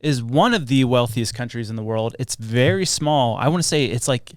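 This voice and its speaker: A man in his thirties explains things in a rambling, enthusiastic way on a casual comedy podcast. His voice is smooth and resonant, recorded close and dry with no room echo. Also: mid-range voice, expressive, moderate pace. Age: 30s. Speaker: podcast co-host.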